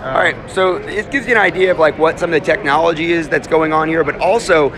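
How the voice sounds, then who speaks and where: A man in his fifties hosting a live walk-and-talk vlog, holding a phone at arm's length and talking fast and chattily in a large indoor trade show hall. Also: on the high side. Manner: fast, chatty, self-interrupting. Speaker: host. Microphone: phone held at arm's length. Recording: busy trade show crowd behind. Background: crowd chatter.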